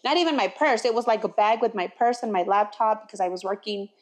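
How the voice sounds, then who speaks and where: A woman's voice: medium pitch, fast talker. A young mother co-hosting a podcast, telling stories animatedly with laughs and acted-out exchanges. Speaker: podcast co-host. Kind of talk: casual chat.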